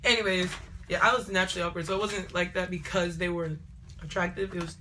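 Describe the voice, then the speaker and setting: Bright-voiced animated young woman vlogger. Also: fairly low pitch, fast talker, a little hiss or hum. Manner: animated, digressive, repeats herself. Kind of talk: casual storytime chat.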